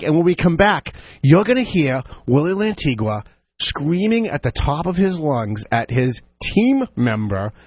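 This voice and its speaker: A man hosting a talk radio show, giving opinionated commentary with sarcastic, animated asides. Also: sits high, dry recording, muffled recording. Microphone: studio microphone.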